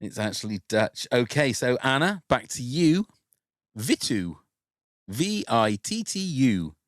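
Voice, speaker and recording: A man hosting a casual podcast quiz, playful and quick to laugh. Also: mid-range voice, big pitch swings, dry recording, clean studio sound. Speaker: podcast host running a quiz.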